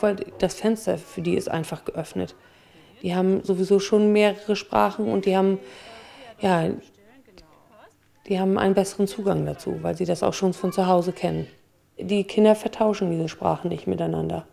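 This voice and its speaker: A middle-aged woman speaks in a documentary interview, explaining kindergarten life in a calm, orderly way. Her voice is dark and mellow with a gravelly edge. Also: mid-range voice. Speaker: kindergarten staff member.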